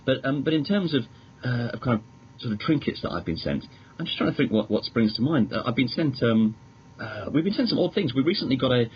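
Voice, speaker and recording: A British magazine editor guesting on a podcast speaks at a medium pitch, brisk and sing-song. His casual talk is rambling and hesitant but enthusiastic, and the recording is dull, lo-fi, and clearly noisy.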